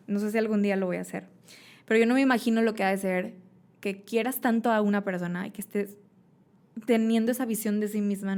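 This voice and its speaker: A woman's voice: mid-range voice, gravelly. A young adult woman with a Mexican accent, a podcast guest telling stories in casual chat and acting out the voices of the people in them. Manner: animated storyteller, acts out quoted voices.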